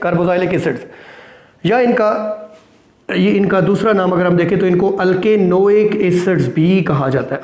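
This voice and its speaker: A man's voice: sits high, darkish tone, roomy sound. A man teaching a chemistry lesson at a board, asking questions and answering them himself, often checking with "right?" and mixing English technical terms into his speech. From Pakistan. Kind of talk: classroom lecture at a board.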